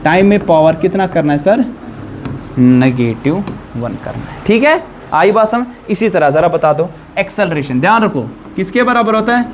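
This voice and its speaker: A man's voice: high-pitched, animated, normal speed, a little hiss or hum. Man teaching physics, quizzing a class. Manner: quizzing students with questions. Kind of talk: classroom lecture.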